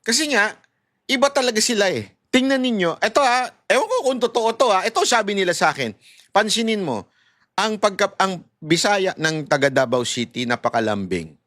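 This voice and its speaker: Middle-aged vlogger from Manila, loud high voice, chatty and animated, dry close sound. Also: male voice, moderate pace, no room sound. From Manila, Philippines. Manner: animated and chatty, laughs at his own asides. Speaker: political commentary vlogger. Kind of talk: casual political commentary.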